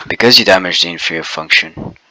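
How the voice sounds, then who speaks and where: A man speaking in a casual monologue, talking fast and stumbling over his words with many stuttering restarts, short on sleep. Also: low voice, pushed and bright, a little hiss or hum, low-quality recording. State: sleep-deprived. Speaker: video blogger.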